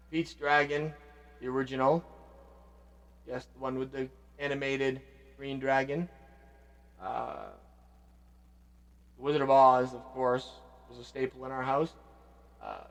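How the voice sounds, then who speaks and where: A man hosting a vlog, reminiscing casually and reflectively, often trailing off quietly. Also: mid-range voice, fairly even intonation, measured pace, long pauses, in a large hall. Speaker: vlog host paying tribute to his father. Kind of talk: casual spoken reminiscing between songs.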